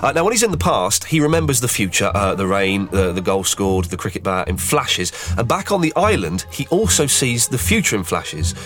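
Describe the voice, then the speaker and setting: A man hosting a podcast in casual chat, joking and animated while he has a cold. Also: fairly low pitch, moderate pace, hardly any pauses, soft background music. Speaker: podcast host.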